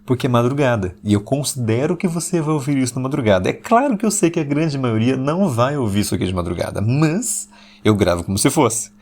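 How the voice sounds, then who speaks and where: A man, hosting an intimate late-night podcast monologue and deliberately talking slower and lower, though he still slips into speaking fast. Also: animated, a little mellow. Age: 40s. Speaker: podcast host.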